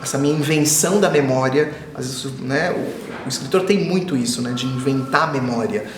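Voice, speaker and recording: A children's author in his forties, Israeli by birth and raised in Brazil, answers interview questions at a normal speed in a mid-range voice. He reflects, repeats phrases, and brightens when recounting stories, with a roomy sound and a noisy background.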